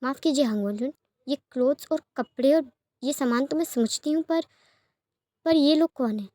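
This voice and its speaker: A woman voicing a practical young woman who looks after others and scolds briskly, in a storybook reading. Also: high voice, dark tone, no room sound, studio quality, lightly acted. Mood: puzzled.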